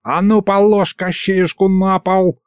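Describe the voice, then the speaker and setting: A man voicing a gruff, fussy old grandfather in an audiobook, with folksy grumbling that turns to yelling. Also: mid-range voice, very animated, a little slow, dry recording. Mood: furious. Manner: folksy grumbling, yells when angry. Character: gruff old male house spirit, fussy and hot-tempered.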